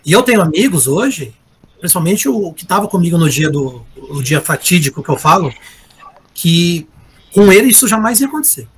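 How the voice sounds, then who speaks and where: A man telling a personal story in casual conversation, animated and acting out the voices he quotes. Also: high voice, normal speed, slightly rough. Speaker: guest sharing a personal story. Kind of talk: casual confessional chat.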